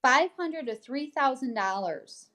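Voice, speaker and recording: A woman with a high-sitting, animated and slightly bright voice co-hosts at a measured pace, reading news items and chatting about them. She's a realtor going through a newsletter, upbeat and informal in a casual conversational style.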